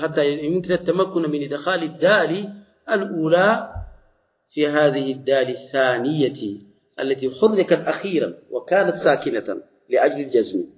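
A man teaching a classical Arabic morphology lesson, explaining slowly and deliberately with frequent restarts. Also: on the high side. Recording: dull lo-fi recording.

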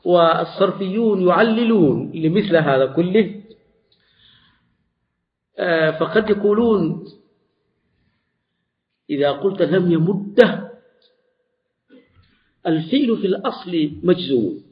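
A man teaching a classical Arabic morphology lesson, explaining slowly and deliberately with frequent restarts. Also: high voice, animated. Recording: dull lo-fi recording.

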